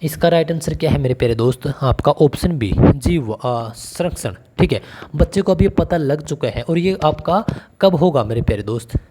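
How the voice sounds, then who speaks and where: Over some background noise, a man with a fairly high, animated voice talks at a moderate pace. He runs a casual online exam-prep class, repeatedly calling the viewer brother and posing questions to them.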